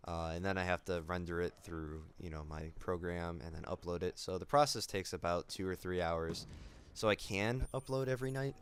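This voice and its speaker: A young man talking in a casual vlog, subdued and somber, halting with many fillers and restarts. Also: low voice, clean tone. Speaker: gaming YouTuber.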